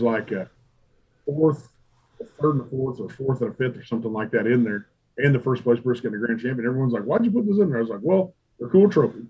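A middle-aged man, a barbecue pitmaster telling stories in a casual interview, animated and profane, acting out what he and others said. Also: mid-range voice, breathy edge, poor audio. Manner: animated, profane, quotes himself and others in acted asides. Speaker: competition barbecue pitmaster and restaurant owner.

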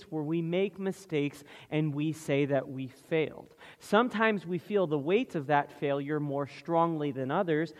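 Slow-preaching man in a reverberant hall. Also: on the high side. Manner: slow, deliberate preaching with questions to the congregation. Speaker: pastor. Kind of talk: sermon. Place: church sanctuary. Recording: long reverb of a large hall.

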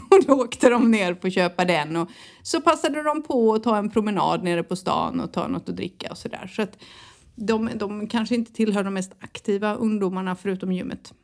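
A woman's voice: mid-range voice, darkish tone. A middle-aged woman co-hosting a podcast, chatting casually, telling stories animatedly and laughing often. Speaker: podcast co-host. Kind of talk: casual chat.

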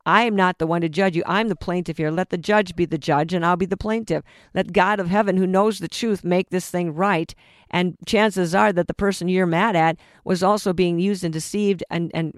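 A man's voice: high voice, dry recording, studio quality. A man preaching earnestly, urging listeners to forgive. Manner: earnest exhorting delivery. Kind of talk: preaching talk.

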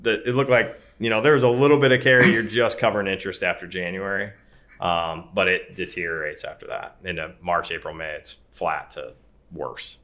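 A man gives casual advice as a podcast co-host. His voice is fairly low with a bright, forceful edge, and his manner is folksy and emphatic, often checking that the listener follows. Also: a little fast. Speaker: podcast co-host and grain marketing advisor. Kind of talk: casual advisory podcast talk.

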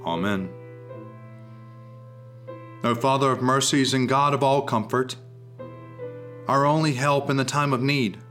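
A man leading liturgical prayer, reciting in solemn, measured phrases as an officiant. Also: medium pitch, a bit bright.

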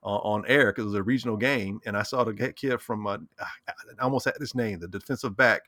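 A man's voice: lowish voice, fast, pushed and bright, no echo, studio quality. A man in casual sports chat, talking animatedly, repeating words and acting out what he said and thought. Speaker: sports talk co-host.

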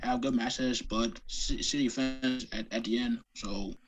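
An American man as a podcast guest, chatting casually and haltingly, often repeating his words. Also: mid-range voice, steady tone, music in the background. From United States. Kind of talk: casual chat.

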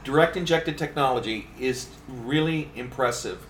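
A man of average pitch talks through fishing gear, thinking aloud and filling pauses with "um". He sounds a little far from the mic, with echo and faint ambient noise behind him. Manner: explanatory, pauses often with um. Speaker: fishing magazine editor. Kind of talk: casual live-streamed conversation. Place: fishing trade show floor.

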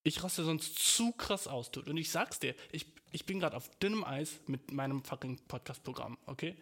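A man's voice: fairly high pitch, expressive, moderate pace, a bit bright, breathy edge. Grumpy young man ranting on his podcast. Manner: frustrated, slangy, swears a lot, rambling. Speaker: podcast host. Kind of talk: casual solo podcast rant. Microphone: home podcast mic.

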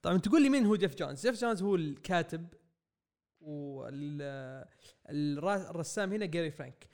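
A young man, rambling excitedly through a comic review on a podcast mic. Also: a little high, fast. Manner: excitable, rambling, acts out quotes. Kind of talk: casual podcast review chat. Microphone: podcast microphone.

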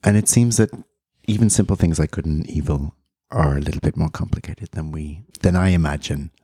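A man's voice: extremely low pitch, fairly quick, dark tone, breathy edge, dry recording. A man hosting a casual group chat with a wry, dry humor. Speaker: podcast host.

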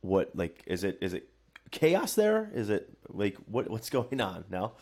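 A man hosting a casual interview, asking questions with halting starts and restarts. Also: lowish voice, huge pitch swings, darkish tone, slightly rough. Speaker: podcast host.

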